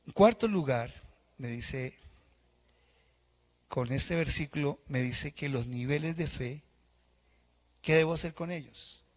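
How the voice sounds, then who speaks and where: A man's voice: a little high, slow pace, pauses often. A male pastor preaching a sermon in a church, acting out the voices of people he quotes. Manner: animated, acts out congregants' voices in quotes.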